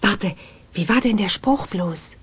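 A woman voicing a patient witch mother in a children's radio play, husky and unhurried. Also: medium pitch, lively intonation, no echo, exaggerated voice. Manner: patient and motherly, singsong spells.

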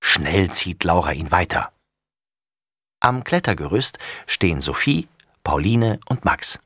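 A man reading a children's story aloud with lively, expressive narration. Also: low-pitched, takes it slowly, slightly rough, dry recording, clean studio sound.

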